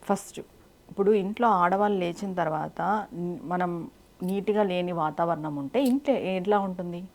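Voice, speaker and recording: Brisk low-voiced woman giving spiritual advice. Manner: direct and instructive, fires rhetorical questions. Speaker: spiritual speaker. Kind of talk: devotional advice talk.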